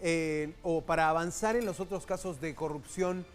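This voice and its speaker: A man from Peru anchoring a live news show, talking briskly and conversationally, speaking straight to the viewer. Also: fairly high pitch, fairly even intonation.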